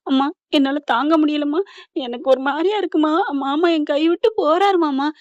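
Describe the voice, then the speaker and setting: A woman's voice: high voice, a little fast, a little mellow, no room sound, lightly acted. Woman voicing a tearful heartbroken young woman. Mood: tearful pleading. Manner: sobbing, pleading. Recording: dull lo-fi recording.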